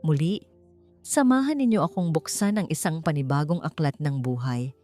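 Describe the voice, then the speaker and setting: A woman narrates a romance audiobook at normal speed, telling the story expressively and rising in pitch at dramatic moments. Faint music plays behind her.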